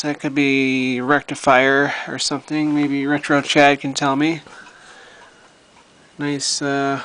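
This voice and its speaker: Filmed at home, this hobbyist vlogger talks through a radio repair project off the cuff, pausing and thinking aloud as he handles the piece. His voice is medium in pitch, fairly bright, clear and resonant, and his casual show-and-tell narration proceeds haltingly.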